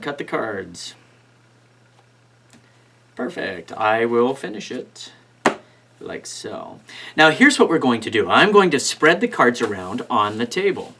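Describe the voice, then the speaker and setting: Male magician, mid-pitched voice, instructional card-trick patter, casual and step-by-step, talking to volunteers. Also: fairly bright tone, husky.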